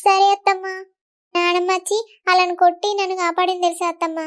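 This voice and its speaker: A gentle young cartoon wife from a village, played by a woman. Her voice sits very high and moves quickly along a flat line. She speaks soothingly. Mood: tired. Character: young pregnant village daughter-in-law.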